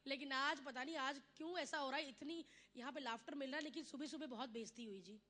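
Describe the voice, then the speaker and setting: High, bright-voiced woman doing stand-up. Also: fast. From India. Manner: chatty, teasing the audience, acts out her mother and others. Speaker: stand-up comedian. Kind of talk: live stand-up comedy.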